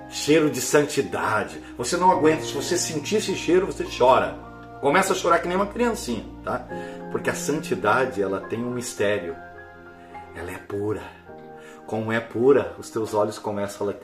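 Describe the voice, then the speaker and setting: A man giving an emotional church testimony, dropping to a hush and then rising to near-shouts. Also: fairly low pitch. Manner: fervent, swings from hushed to near-shouting. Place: church hall. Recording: echoey hall with faint instrument.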